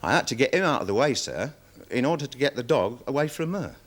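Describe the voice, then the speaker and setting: Security guard witness, hesitant, rambling, deferential, lively pitch, 1970s TV courtroom drama. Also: male voice, quick pace. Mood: worried, defensive. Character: nervous security guard witness, dog handler.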